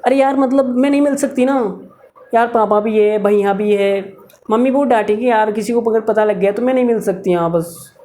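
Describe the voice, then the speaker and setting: A man's voice: sits high, fairly even intonation, moderate pace, mellow, close to an everyday voice. A man voicing a shy young village woman who is afraid of her family, speaking in a whiny, pleading tone. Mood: reluctant.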